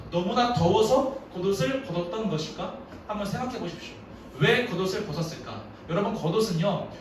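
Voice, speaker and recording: A man who is a youth pastor, preaching a storytelling sermon in a lively manner and acting out the quotes, recorded from a distance in a very echoey church. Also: sits high. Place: church sanctuary. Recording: very echoey hall, distant mic, faint noise.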